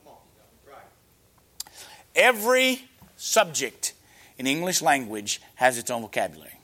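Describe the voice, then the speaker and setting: A middle-aged man preaching a sermon, emphatic and rhetorical, answering imagined objections and rising to loud peaks on key points. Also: mid-range voice, huge pitch swings, a little slow.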